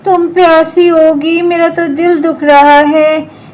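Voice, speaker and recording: A woman voicing a kind-hearted young woman in a children's doll story, speaking softly and fretfully. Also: very high voice, flat delivery, slow pace. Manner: soft, fretful, tender.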